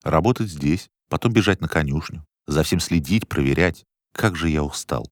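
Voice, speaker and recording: A man's voice: expressive, moderate pace, dry recording, studio quality. A man voicing an exhausted, brooding male tavern keeper who mutters wearily to himself. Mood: weary. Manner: weary, low muttering monologue.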